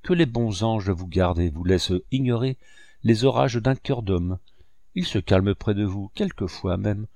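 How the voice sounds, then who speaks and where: A man's voice: fairly low pitch, normal speed, mellow, dry recording, close to an everyday voice. A man reading an ardent young painter. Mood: pleading. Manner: earnest, instructive, pleading. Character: ardent young male painter, earnest and tender.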